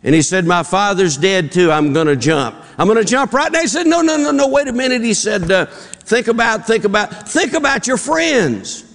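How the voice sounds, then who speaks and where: In a big church auditorium full of long reverb, a Southern pastor delivers a sermon sprinkled with folksy jokes, drawling and performing the voices in them. He speaks at a moderate pace in a high, expressive, slightly bright voice with some vocal fry.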